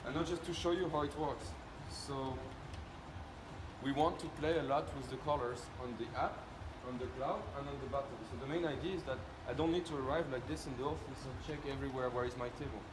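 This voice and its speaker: Speaking briskly at a medium pitch, this French-accented man is a company presenter walking through an informal product demo. His manner is explanatory, moving step by step and frequently closing points with checking tag questions. Loud background noise and room echo fill the recording.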